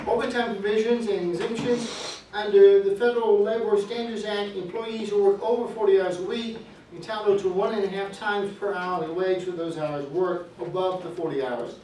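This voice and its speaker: A man's voice: sits high, fairly even intonation, moderate pace, mellow, slight background noise. A man teaches a business law class, moving through his points and tossing dry jokes at students he calls by name. He sounds distant from the mic, and the classroom echoes strongly around him. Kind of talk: classroom lecture.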